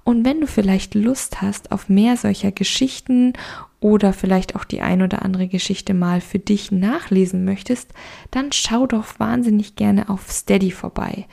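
Young woman host, slow and mellow with gravel, reading stories and encouraging listeners. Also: mid-range voice. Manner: calm, gentle, encouraging. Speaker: podcast host and storyteller. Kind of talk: short story reading and motivational talk.

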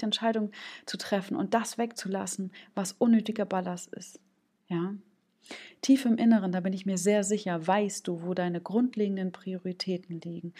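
A woman's voice: mid-range voice, dark tone. A woman hosting a solo coaching podcast, speaking informally to the listener with frequent "ja?" check-ins and acting out little quoted voices of gut and head. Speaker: podcast host, business coach.

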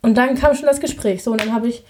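A young woman in her twenties talks through a personal story for her podcast, rambling and chatty with plenty of fillers. Her voice sits a little high but sounds warm and mellow. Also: fast, a little hiss or hum. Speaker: podcast host. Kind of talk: casual monologue.

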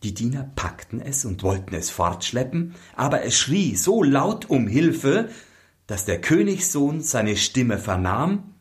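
A man reading a fairy tale aloud in a slow, expressive storytelling manner. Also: medium pitch. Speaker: narrator.

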